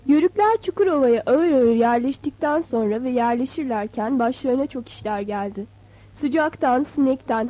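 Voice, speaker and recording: A woman narrating a novel as an audiobook, in a measured, expressive reading. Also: high-pitched. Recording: dull, slightly lo-fi.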